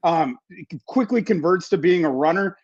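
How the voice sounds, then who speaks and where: A man giving fantasy football analysis in a casual podcast chat, talking quickly and restarting his sentences. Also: high-pitched, expressive, darkish tone, dull audio. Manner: fast, repeats words and restarts often.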